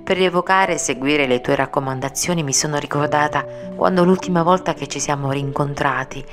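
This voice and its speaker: A woman voicing a frail, gentle young woman who speaks softly and tenderly with serene resignation. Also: deep voice, lightly acted. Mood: tender, resigned. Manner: soft, slow, tender speech. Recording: music playing clearly behind.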